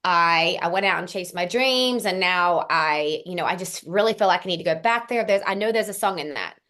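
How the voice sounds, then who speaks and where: A singer-songwriter guest talks briskly and expressively, her fairly low voice carrying a fairly bright tone. The young woman's accent is a mix of Australian and American, and in this relaxed interview she rambles on at length with frequent ums.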